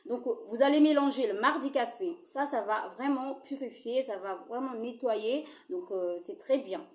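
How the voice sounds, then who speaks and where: A woman with a slightly raised voice walks viewers through a skincare routine in a casual, hesitant way, pausing on fillers. She speaks directly to the audience, and the sound has the ring of a bare, echoey room. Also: on the high side, darkish tone. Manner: apologizes for her own accent. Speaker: skincare tutorial host. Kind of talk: casual how-to demonstration.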